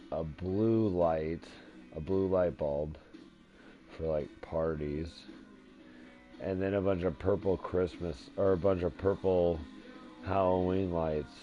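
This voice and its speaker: A man live-streaming a game from his dim living room, rambling in a sleepy, drowsy monotone. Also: low voice. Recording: dull lo-fi stream audio with faint music.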